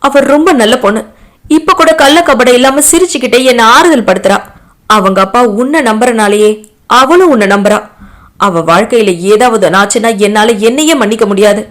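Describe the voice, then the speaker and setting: A woman's voice: on the high side, moderate pace, natural voice. A woman voicing a young man who pleads in a raised, emotional voice. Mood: pleading. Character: young man pleading, then angry and defiant.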